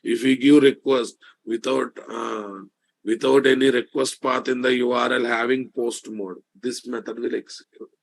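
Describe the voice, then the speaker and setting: A male programming instructor speaks with a Telugu Indian accent at a slow, deliberate pace. His pitch sits in an average range for a man. He delivers a live online lecture, restating points with emphasis and often asking listeners to confirm. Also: steady tone, creaky. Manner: repetitive, emphatic, with rhetorical check-in questions.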